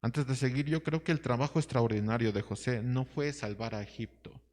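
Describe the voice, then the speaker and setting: A man leads a Bible study sermon, reading passages aloud and stopping to ask his listeners questions. His voice sits at an ordinary pitch. The sound carries a long reverb from a large hall. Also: fairly quick, darkish tone. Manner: reads scripture aloud and asks the class questions. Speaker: Bible teacher.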